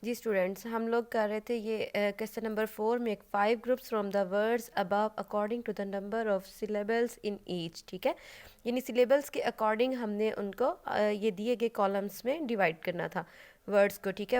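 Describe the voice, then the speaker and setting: Woman teacher, smooth clear voice, slightly high; patient step-by-step classroom explainer. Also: a little mellow. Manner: patient, explains step by step, often checks with "okay?"; mixes English terms into her explanations. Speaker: school English teacher. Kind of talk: recorded online class lecture.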